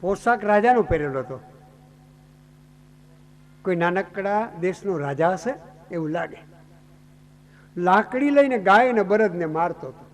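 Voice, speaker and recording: High-voiced man telling a devotional story. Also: animated, a little slow, long pauses. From Gujarat. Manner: dramatic storytelling with rhetorical questions. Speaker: Bhagavata katha speaker.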